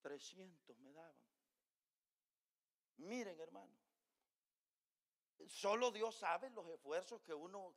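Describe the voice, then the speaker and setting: A middle-aged male pastor preaching a sermon, telling a personal story with emotion, dropping quiet and then rising loud. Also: high voice.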